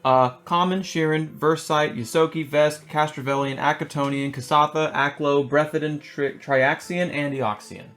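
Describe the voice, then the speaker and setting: Bright-voiced man playing a tabletop game. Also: a little high, fairly even intonation, normal speed, few pauses. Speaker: player.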